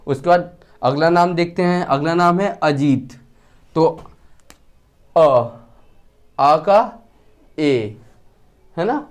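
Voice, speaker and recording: Male teacher with a slightly high voice, drills the students with question-and-answer repetition. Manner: asks questions and answers them himself; repeats key words slowly, dropping his pitch. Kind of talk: classroom-style lesson.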